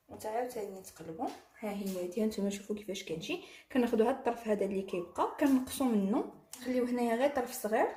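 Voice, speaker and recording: Brisk Moroccan woman teaching cooking. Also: fairly high pitch, mellow, roomy sound. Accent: Moroccan Arabic. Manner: talks viewers through each fold while working. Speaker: cooking channel host. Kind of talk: step-by-step cooking tutorial.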